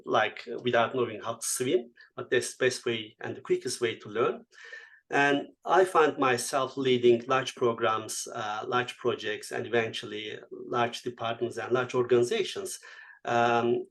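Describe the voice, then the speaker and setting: A man's voice: medium pitch, unhurried, fairly bright tone. A man in his fifties with a Turkish accent speaks as an interview guest. He talks reflectively and unhurriedly, with frequent "uh" fillers and non-native phrasing. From Turkey. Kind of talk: conversational interview answers.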